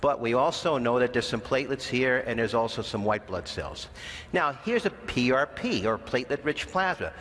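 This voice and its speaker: A man giving a conference lecture as a physician, brisk and informal, talking to the audience as "guys". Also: medium pitch, animated, fairly bright tone. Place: large conference hall. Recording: long hall reverb, faint noise.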